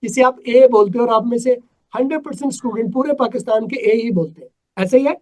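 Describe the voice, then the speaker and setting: A man's voice: very high voice, fast talker, darkish tone, poor audio. A man from Pakistan teaching an English class over a video call, emphatic and quizzing his students. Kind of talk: live online class.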